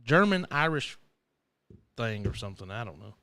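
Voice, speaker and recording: A man's voice: mid-range voice, sing-song, normal speed, bright, forceful tone. A man co-hosting a live radio podcast, joking, swearing freely and laughing often. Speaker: podcast co-host. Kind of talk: casual live radio banter.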